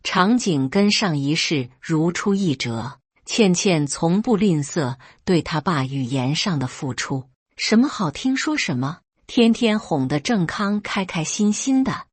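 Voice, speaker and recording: Woman reading a family drama story out loud, lively and animated, dry sound. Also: fairly low pitch, a little slow, few pauses, slightly rough, no echo. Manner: lively storytelling, briefly voicing characters. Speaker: story narrator. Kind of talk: first-person scripted story reading.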